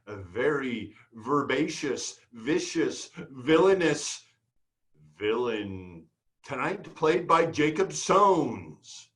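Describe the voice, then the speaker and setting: A man's voice: mid-range voice, a bit bright. A man announcing a cast in a theatrical show introduction.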